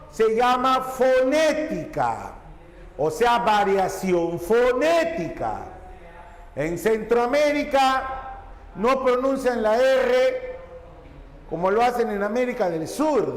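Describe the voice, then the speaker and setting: A man's voice: very high-pitched, expressive, slow pace. A male teacher with a Peruvian Spanish accent, giving a classroom lecture and often stopping to check that students understand. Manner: repeats points and checks for understanding. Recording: echoey hall with faint background hum.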